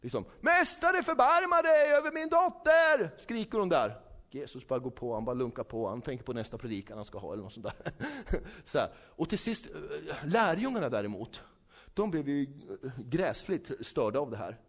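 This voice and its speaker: A man preaching a sermon in a lively, conversational way, asking his listeners frequent questions and acting out the dialogue he retells. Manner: acts out quoted dialogue, dropping low and soft for asides.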